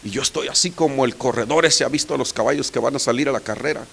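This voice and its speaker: Gravelly pastor preaching. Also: male voice, mid-range voice, quick pace, a little hiss or hum. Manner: swings from soft asides to loud shouted peaks. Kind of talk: sermon.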